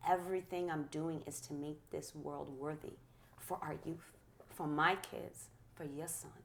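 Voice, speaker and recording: A woman's voice: deep voice, fairly even intonation, a little slow, vocal fry, slight background noise. A middle-aged woman, a guest speaker in an interview, talking in a passionate, affirming way with a preacher-like rhythm. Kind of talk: conversational interview.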